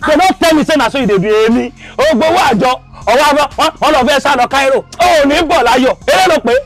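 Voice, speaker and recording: A man with a Nigerian Pidgin English accent playing an angry man demanding his savings-group money, shouting threats and then softly apologising. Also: very high-pitched, quick pace. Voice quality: loud and insistent, then pleading. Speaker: skit actor. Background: music.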